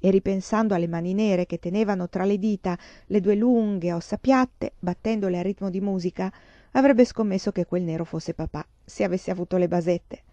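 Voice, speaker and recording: Woman, storybook reader, calm, even, mellow voice, dry muffled recording. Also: mid-range voice, moderate pace, no echo. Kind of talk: storybook reading. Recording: dull dry lo-fi sound.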